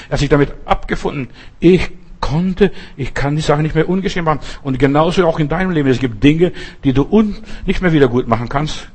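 A man's voice: a little high, husky. A man preaching a sermon, emphatic and earnest, sometimes crying out when he voices quoted lines. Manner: emphatic, rises sharply for quoted cries.

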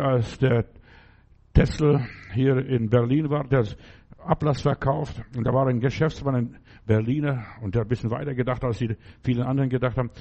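A man with a mid-range, dark-toned voice preaches a sermon, repeating affirmations and often asking "verstehst du" to check that the listener understands. The recording quality is dull and lo-fi.

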